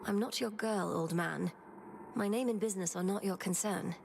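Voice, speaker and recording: A woman's voice: medium pitch, moderate pace, creaky, slight background noise, close to an everyday voice. An actress playing a guarded, defiant young woman in a video game, curt and formal in her speech. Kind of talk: video game character acting.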